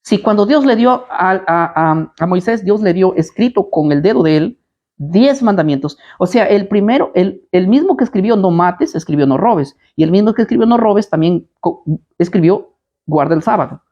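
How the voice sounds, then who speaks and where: A man's voice: high voice, animated, moderate pace, a little mellow, dull audio. A man preaching at a live Bible study, combative and blunt, firing rhetorical questions at his listeners.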